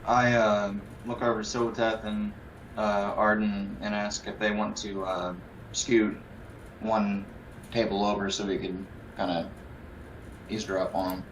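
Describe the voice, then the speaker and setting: A man's voice: lowish voice, little pitch movement, a little slow, roomy sound, recorded from a distance, slight background noise. A man playing a tabletop game, talking hesitantly as he thinks aloud. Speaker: player. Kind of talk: tabletop roleplay chat.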